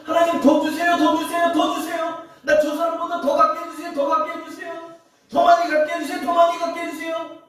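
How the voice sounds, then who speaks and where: A man's voice: completely flat delivery, fairly quick, fairly bright tone. A man voicing a whiny, greedy churchgoer who keeps begging God for more, in a pleading, repetitive way, heard in a very echoey church hall far from the mic. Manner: pleading, repetitive, high-pitched.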